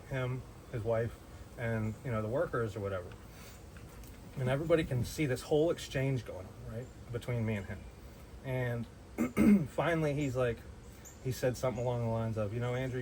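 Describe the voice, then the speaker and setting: A man's voice: mid-range voice, darkish tone, slight background noise, poor audio. A man telling a personal story in a blunt, heated way, swearing freely and often restarting his sentences. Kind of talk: casual storytelling.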